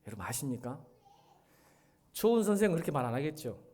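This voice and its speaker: Middle-aged man preaching a lively sermon. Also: a little high, quick pace. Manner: animated, swings from soft to loud when retelling a drama scene. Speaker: pastor. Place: church sanctuary.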